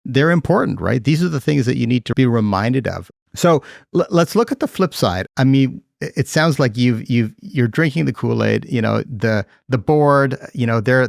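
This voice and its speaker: A man's voice: medium pitch, vocal fry, dry recording, clean studio sound. A man hosting a podcast, chatty and laughing easily, ending points with "right?" as he asks questions. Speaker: podcast host. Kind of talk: casual podcast interviewing.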